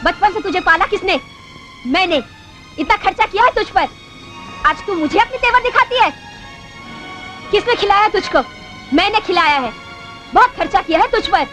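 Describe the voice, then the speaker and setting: A harsh, scolding madam. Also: female voice, very high-pitched, expressive, moderate pace, long pauses, rough recording. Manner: scolding, domineering. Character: harsh older brothel madam, domineering. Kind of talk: Hindi film dialogue. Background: film music.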